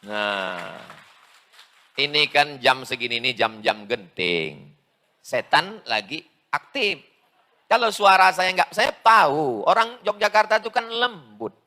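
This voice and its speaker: A man from Sumatra preaching a lively sermon to a large gathering, loud and emphatic with playful asides. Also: on the high side, slow pace. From Sumatra, Indonesia.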